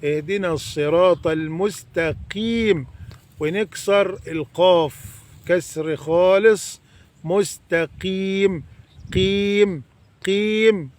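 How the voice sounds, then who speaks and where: A man with an Egyptian accent teaching correct Quran recitation, stretching out example words slowly and then explaining quickly. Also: high voice. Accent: Egyptian Arabic. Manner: slow drawn-out demonstration recitation between quick explanations. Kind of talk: tajweed lesson correcting recitation mistakes.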